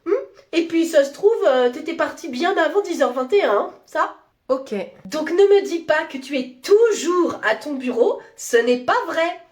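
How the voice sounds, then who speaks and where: A woman voicing a fussy, bossy office coworker in a comedy sketch, shrill and accusing. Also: animated, moderate pace. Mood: nagging.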